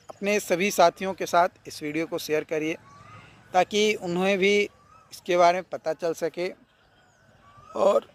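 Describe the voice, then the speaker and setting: A man giving casual exam advice to students as a coaching teacher, repeating key points and checking in with "theek hai". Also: sits high.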